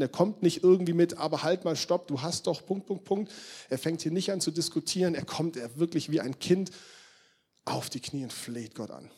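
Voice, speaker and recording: A young man preaching a sermon in a casual, direct way, talking straight to the congregation and swinging between loud emphatic bursts and quiet, intense murmurs. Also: on the high side, husky.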